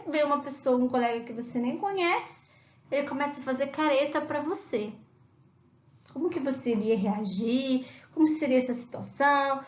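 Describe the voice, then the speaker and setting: A woman teacher with a Brazilian Portuguese accent, explaining a remote lesson to young children and patiently sounding out syllables. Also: sits high. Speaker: primary school teacher. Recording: echoey room, dull lo-fi sound.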